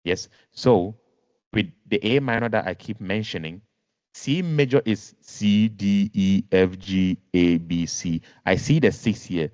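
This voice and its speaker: A man's voice: lowish voice, measured pace, darkish tone, no echo. A man teaching a music lesson online, patient, repeating and rephrasing, counting notes aloud. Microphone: video call. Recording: dull lo-fi video call audio.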